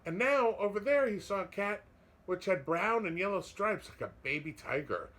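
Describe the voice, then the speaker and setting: Animated male storyteller with bright delivery. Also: sits high, normal speed. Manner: dramatic, with asides to listeners. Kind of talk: expressive picture-book reading.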